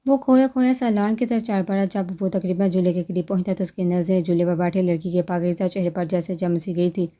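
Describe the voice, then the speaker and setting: A woman narrates a romance novel for an audiobook. Her voice is low and mellow, and she reads in a steady, gentle pace of storytelling.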